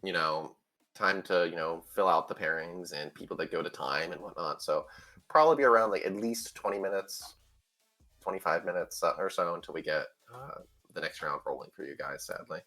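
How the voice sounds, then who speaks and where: A man's voice: low-pitched, brisk, bright, forceful tone. A man casting a card game tournament stream, casual and teasing, laughing often. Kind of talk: casual stream commentary chat.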